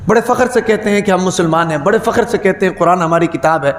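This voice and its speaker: A man giving a Friday sermon, who keeps putting rhetorical questions to the congregation and repeats key words for emphasis. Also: high voice. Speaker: preacher. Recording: echoey hall with long reverb.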